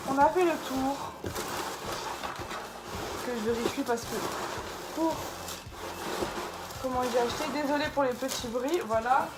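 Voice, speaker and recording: A woman chatting casually through an unboxing video, tripping over product names as she shows them. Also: high-pitched. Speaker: beauty vlogger. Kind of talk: casual unboxing haul vlog.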